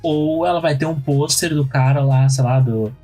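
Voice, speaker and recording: Young guy on a podcast, dark slightly husky voice, faint music behind, talks things through. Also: on the high side, moderate pace, poor audio. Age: young adult. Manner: storytelling, reasoning out loud. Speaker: podcast co-host. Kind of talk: casual chat.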